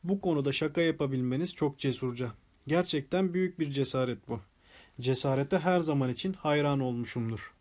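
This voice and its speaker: A man voicing an elderly, sharp-witted spinster detective who speaks gently and politely in an audiobook. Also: medium pitch, brisk, natural voice.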